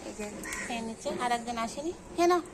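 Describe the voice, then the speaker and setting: A woman's voice: a little high, lively intonation, fast talker, noisy background. A woman, chatting to viewers while filming her pets on a phone and teasing the animals directly. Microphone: phone camera held while filming.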